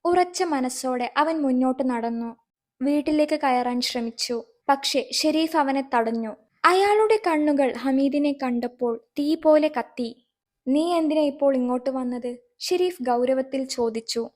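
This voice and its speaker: A woman narrating a dramatic family story in a steady, scripted storytelling read. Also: high voice, a little slow.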